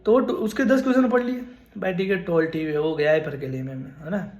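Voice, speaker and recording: A man's voice: fairly high pitch, fairly even intonation, moderate pace, darkish tone, reverberant. Earnest young man giving exam advice. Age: 20s. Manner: earnest, repetitive, addresses viewers as brother. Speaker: nursing exam mentor. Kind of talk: casual advice talk to camera.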